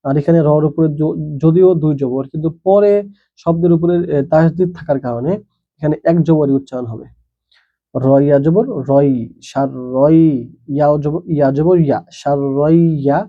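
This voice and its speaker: A man's voice: a little high, moderate pace, muffled recording. A man teaching Quran reading who spells out each letter and vowel mark, then blends the syllables, with plain explanatory asides between the drills.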